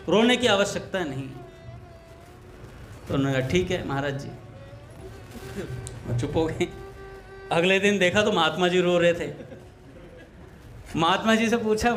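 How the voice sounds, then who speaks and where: A man with a high voice gives a relaxed devotional talk and tells anecdotes. He acts out the dialogue of the people in his stories. Soft music plays faintly behind him. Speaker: satsang speaker.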